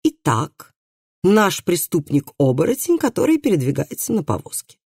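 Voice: mid-range voice, wildly swooping pitch, normal speed, darkish tone, husky, no echo, studio quality, full character voice. A reader voicing a pompous royal bailiff who interrogates in a curt, commanding way. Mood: stern. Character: stern, pompous royal bailiff obsessed with witchcraft.

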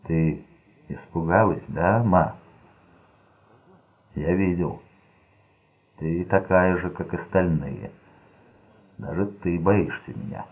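A man voicing an unstable young gangster son who speaks in a slow, sulky, menacing way. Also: deep voice, slightly rough, heavily acted. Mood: sullen. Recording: tinny lo-fi narrow-band audio.

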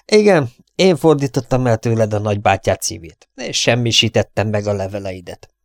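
A sneering young villain, as a male audiobook reader puts him on, mocking his captives and laughing between threats. The voice sits fairly low with a dry, close sound. He gloats over every word. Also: animated, no echo. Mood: gloating, menacing. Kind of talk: audiobook character reading.

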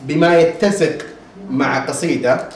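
Slightly high-voiced man teaching from afar. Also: echoey room, distant mic, slight background noise, poor audio. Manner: recites verses in a measured chant, checks in with listeners. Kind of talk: recorded lesson.

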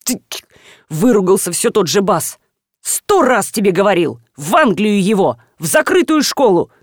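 A woman's voice: medium pitch, big pitch swings, moderate pace, no room sound, clean studio sound. A woman voicing a furious, bossy wealthy father who barks orders at his household, in an audiobook. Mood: irate. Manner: shouting, barking orders. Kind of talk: audiobook character voice.

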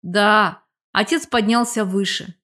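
Reading slowly in a steady, mid-range voice with a bit of brightness, a woman performs an audiobook character: a confident, cheerful young man who bosses an old friend around in jest.

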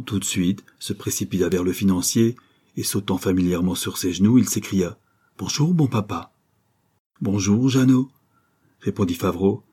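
A man reading a classic novel aloud as an audiobook narrator, with a slow, measured, even delivery. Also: low voice, slightly rough. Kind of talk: scripted literary narration.

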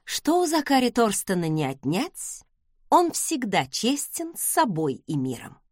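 A woman narrating a first-person novel aloud with expressive, lively delivery. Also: a little high, unhurried, dry recording, clean studio sound. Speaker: audiobook reader.

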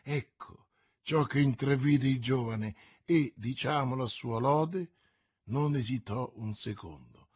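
A man narrating an adventure novel aloud in a theatrical, unhurried reading style. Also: mid-range voice, darkish tone, husky. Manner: theatrical, unhurried, swelling with the action. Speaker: audiobook narrator. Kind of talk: dramatic audiobook reading.

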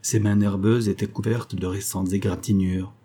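A man reading a literary travel story as an audiobook narrator, in a measured storytelling manner. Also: lowish voice, little pitch movement, dark tone, slightly rough.

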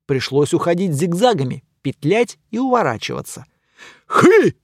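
Guy narrating a fantasy audiobook, kinda high voice, wry and lively, dry close mic. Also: moderate pace, dry recording. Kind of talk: first-person audiobook narration.

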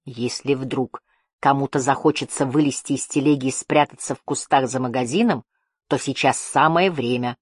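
Woman reading a sly male merchant, mock-friendly, husky low voice, dry sound. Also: moderate pace, no room sound.

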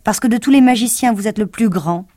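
A woman's voice: fairly high pitch, fairly quick, mellow, dry recording, clean studio sound, voice pushed up, close to an everyday voice. A woman voicing a cowardly male lion in a storybook reading, pleading and trembling.

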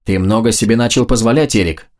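A man putting on a shrill, spiteful old landlady. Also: quick pace, darkish tone, natural voice. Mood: shrill accusing. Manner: shrieking, hissing, accusatory.

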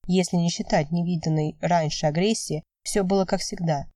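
A woman reading an audiobook in steady, even scripted narration. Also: fairly low pitch, normal speed, no echo, studio quality, distant mic.

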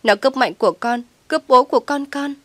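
A woman's voice: mid-range voice, brisk, no room sound, natural voice. A woman voicing a stubborn young daughter who pleads tearfully with her mother, recorded dry and close. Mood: pleading.

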